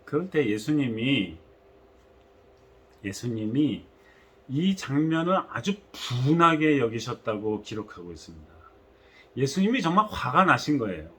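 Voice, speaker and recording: Male pastor, sermon, husky voice, lively swinging pitch, animated storytelling. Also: a little slow, long pauses. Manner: animated storytelling with acted quotes.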